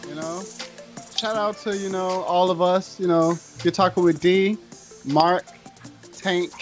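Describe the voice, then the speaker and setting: Higher-pitched male podcast host over music. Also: steady tone, measured pace. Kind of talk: casual podcast chat.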